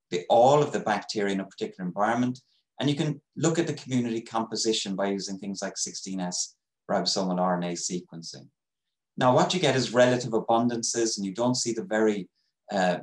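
A man giving an academic webinar lecture over a video call, explaining in a measured way with frequent pauses. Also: on the low side, reverberant, poor audio. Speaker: microbiology professor giving a webinar talk.

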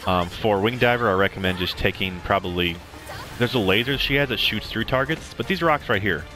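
The recording is low quality, with game music underneath, as a young man comments casually on a game walkthrough. His fairly low voice is pushed and bright, fairly quick, and rambling with lots of ums and restarts.

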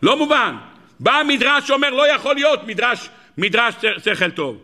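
Animated rabbi with a gravelly, bright voice. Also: male voice, extremely high pitch. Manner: animated storytelling with rhetorical questions to the listeners. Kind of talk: Torah lesson.

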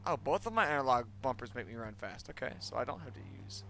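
A male streamer plays a horror game and talks himself through it with scared, jumpy remarks. His voice is bright and sharp at a middling pitch, with clear background noise and game ambience behind it. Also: sing-song, quick pace. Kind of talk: casual horror game commentary.

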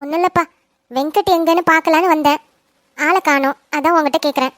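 A woman's voice: sits high, fairly even intonation, fast talker, a bit bright, dry recording, studio quality. A woman voicing a worried, fretful middle-aged mother in a cartoon family drama. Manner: fretful, complaining.

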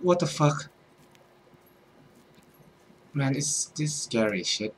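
A man's voice: mid-range voice, lively intonation, takes it slowly, a little hiss or hum. A young man giving let's-play commentary, full of startled exclamations and swearing. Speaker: gaming YouTuber.

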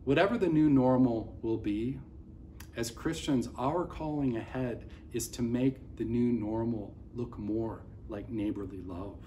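A middle-aged pastor with a medium-pitched, somewhat dark voice preaches earnestly to a close-range camera, gesturing with open hands. He stands indoors beside a large window facing office towers, and a little hiss or hum sits in the audio.

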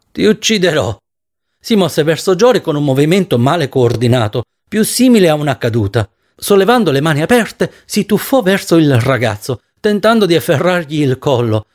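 A man reads a novel aloud as an audiobook narrator, with a dramatic, expressive delivery. His voice sits somewhat high for a man and swings widely in pitch. The narration is steady, scripted storytelling.

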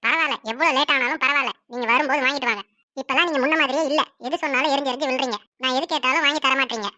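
Woman voicing a high, fast-talking cartoon wife. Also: bright, forceful tone, no echo, clean studio sound. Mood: nagging. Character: fussy, anxious young wife.

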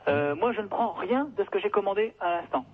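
On a noisy, narrow phone connection, a man from a trucking firm answers a call and talks unscripted in a high, expressive, fairly fast voice. He grows more and more flustered, protesting over and over with "non, non."

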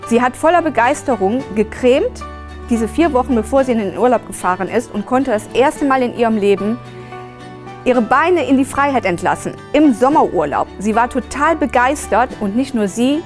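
A woman's voice: fairly high pitch, animated, normal speed, faint music behind. A middle-aged woman giving an infomercial testimonial to camera on a lapel mic. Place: studio.

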